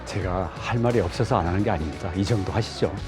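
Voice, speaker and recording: A man's voice: deep voice, quick pace, music in the background. A man speaking in a televised debate, hesitant with many fillers and evasive replies. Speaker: debate candidate.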